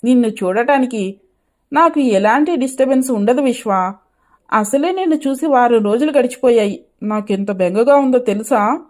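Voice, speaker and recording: A woman's voice: fairly high pitch, moderate pace, close to an everyday voice. A woman voicing a greedy, scheming older mother-in-law in a cartoon story, sugary to her son and plotting in her thoughts. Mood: sweet.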